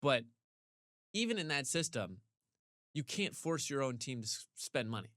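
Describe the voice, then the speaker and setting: A man co-hosting a casual sports podcast, ranting animatedly with big jumps in pitch, his voice getting a little hoarse. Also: very animated, normal speed, a bit bright, no echo, clean studio sound. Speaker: podcast co-host.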